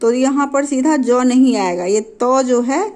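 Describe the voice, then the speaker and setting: A woman's voice: sits high, a little mellow. A woman teaching a grammar lesson. She repeats each term and example, asks questions and answers them herself, and keeps checking that her students are following. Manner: repeats terms and examples slowly for learners.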